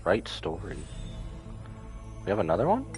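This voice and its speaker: Over video game music, this streamer gives live gameplay commentary on a story, reads bits of dialogue aloud, and breaks into dramatic outbursts between casual remarks. The voice is low and darkish, its pitch swooping wildly at a moderate pace, and the recording is rough.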